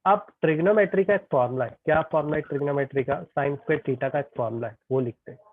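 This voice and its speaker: A man's voice: a little high, fast talker, no room sound. Chatty male tutor over a tinny line. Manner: chatty, keeps checking if students follow. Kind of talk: online class explaining physics problems. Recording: tinny phone-like online class audio.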